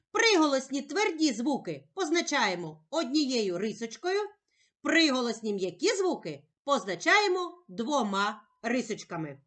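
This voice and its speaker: A woman teacher speaking slowly and carefully in a sing-song voice, giving a reading lesson for young children. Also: sits high, fairly bright tone. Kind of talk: slow, clearly articulated children's reading lesson.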